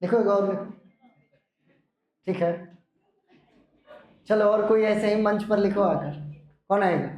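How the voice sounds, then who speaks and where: Male English teacher, high voice, firm classroom instructions, echoey room. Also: darkish tone. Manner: slow dictation, firm instructions. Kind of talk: classroom grammar lesson.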